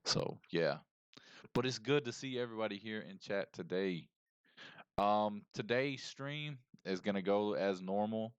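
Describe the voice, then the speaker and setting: A man's voice: fairly low pitch, a little slow, clean tone, no room sound, lo-fi sound. A man in his thirties on a livestream, chatting casually with viewers in a rambling way and greeting them by name, heard through his streaming headset mic. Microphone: close streaming mic.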